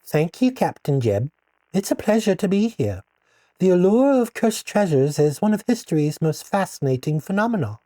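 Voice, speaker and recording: A woman playing a female archaeologist guest, speaking in a measured, articulate, lecturing way. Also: lowish voice, very animated, mellow, no room sound. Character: female archaeologist, scholarly and composed. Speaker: expert guest.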